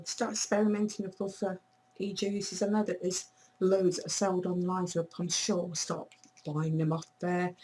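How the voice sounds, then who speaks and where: A woman chatting casually to camera in a vlog, her voice hoarse and failing, blunt and swearing now and then. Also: medium pitch, mellow, a little hiss or hum, poor audio. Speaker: vlogger.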